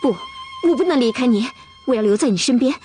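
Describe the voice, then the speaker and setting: A woman's voice: a little high, animated, fast, dark tone, soft background music, lightly acted. An actress playing a headstrong, lovesick young Russian woman in a period TV drama, insistent and pleading. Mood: earnest. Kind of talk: television period drama acting.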